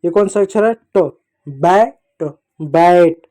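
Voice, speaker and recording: A man teaching young children to read in a slow, patient way. He repeats each sound, asks the children to echo it and calls them dear children. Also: high-pitched, dark tone. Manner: addresses children fondly. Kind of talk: children's reading lesson.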